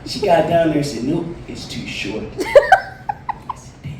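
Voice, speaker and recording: A man in his late forties performs laid-back stand-up stories with punchlines on a bar stage, his expressive voice a little high at normal speed. Captured from a distance in a roomy bar, the recording is very noisy.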